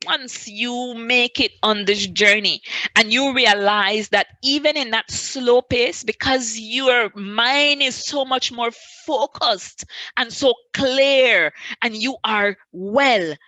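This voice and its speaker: A woman giving a motivational wellness talk to an online audience. She repeats her points for emphasis and moves between loud urging and soft, almost whispered lines. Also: a little high, no room sound, poor audio. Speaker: wellness speaker.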